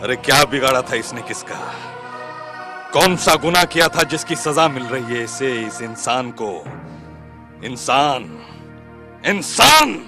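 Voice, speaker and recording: An actor delivering a grieving, outraged lament in a film, declaiming and rising to cries. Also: male voice, medium pitch, sharp tone. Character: grieving, outraged man lamenting human cruelty. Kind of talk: dramatic film monologue.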